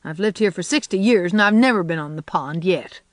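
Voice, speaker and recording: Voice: mid-range voice, animated, a little fast, dry recording, lightly acted. A reader voicing a stern, practical woman in her sixties in an audiobook, speaking in a dry, grumbling, matter-of-fact way. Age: 60s. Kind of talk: audiobook character voice.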